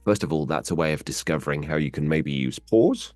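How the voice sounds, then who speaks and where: A man working as a voice actor, answering interview questions in an animated way and playing with his pitch as he explains. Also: brisk, no echo, clean studio sound. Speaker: voice actor guest.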